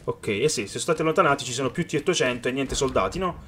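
A man giving excited let's-play commentary on a video game, reading the game's dialogue aloud and talking straight to his viewers. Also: medium pitch, rapid-fire. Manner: excited, calls viewers "raga" often. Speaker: gaming youtuber.

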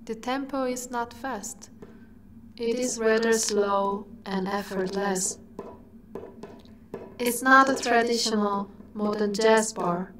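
A woman giving scripted narration in a slow, dreamy way that sometimes drops to a whisper. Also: on the high side, rough recording.

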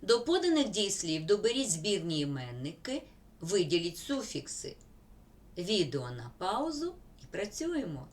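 A woman teacher, slowly dictating word examples in a school grammar lesson. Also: lowish voice, sing-song.

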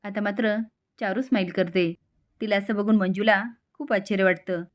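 A woman's voice: medium pitch, steady tone, normal speed. A woman retelling a TV serial episode as a storyteller, voicing the characters' lines in between. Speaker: serial recap narrator.

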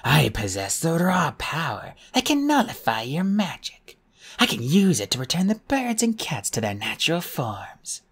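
A possessed girl's voice, put on by a male storybook reader, hushed to a slow, harsh, croaking whisper. It sounds cold and ancient, carried on a husky breath, and drifts as if from a distance. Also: on the high side, huge pitch swings, pitched above the performer's own voice, full character voice. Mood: menacing.

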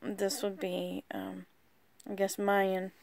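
A woman casually walking through a deck of oracle cards, rambling and hesitant with lots of pauses. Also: mid-range voice, monotone, vocal fry. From rural United States. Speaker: vlogger. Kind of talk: casual card walkthrough.

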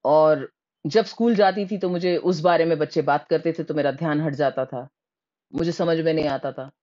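A woman from Rajasthan telling her own childhood memories in a lively, animated way, slipping English words into her speech. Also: low voice, normal speed, lo-fi sound. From Rajasthan, India. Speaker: storyteller. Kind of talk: personal storytelling.

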